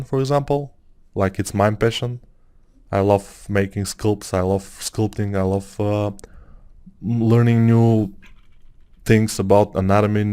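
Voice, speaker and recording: With a fairly low pitch and a warm, clean tone, a man in his thirties from Bulgaria speaks with a Bulgarian accent. He gives casual, rambling tutorial talk over screen work about 3D sculpting, thinking aloud with lots of fillers.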